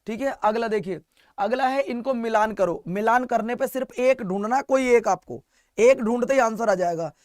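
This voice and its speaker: A man's voice: very high voice, moderate pace, dry recording, clean studio sound. A man teaching an exam-prep lecture, asking questions and answering them himself, repeating key facts for his students. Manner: addresses students as friends and kids.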